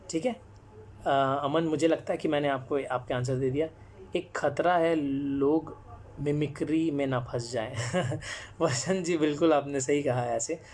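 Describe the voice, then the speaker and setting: A man's voice: a little high, darkish tone, a little hiss or hum. A man, a storyteller and actor, speaks as the guest on a live-stream talk. He explains his craft earnestly and answers viewers' comments, slipping English phrases in among his sentences.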